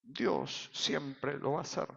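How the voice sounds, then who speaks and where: A man with an Argentine accent, a pastor preaching a sermon in a church, full of rhetorical questions and sudden shouts. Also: fairly high pitch, takes it slowly, gravelly, slightly rough. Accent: Argentine Spanish. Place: church sanctuary. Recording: reverberant hall, dull sound.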